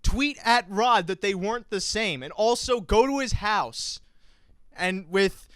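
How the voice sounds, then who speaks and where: A man's voice: sits high, unhurried, fairly bright tone, clear, resonant tone. A young man hosting a racing podcast, bantering theatrically and mocking himself. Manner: theatrical, self-mocking, swings into silly voices. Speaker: host.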